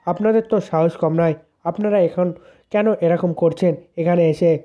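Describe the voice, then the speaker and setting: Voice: mid-range voice, steady tone, normal speed, muffled recording, lightly acted. A narrator reading the lines of a stern, reproachful middle-aged father of the bride. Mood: indignant. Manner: indignant, reproachful.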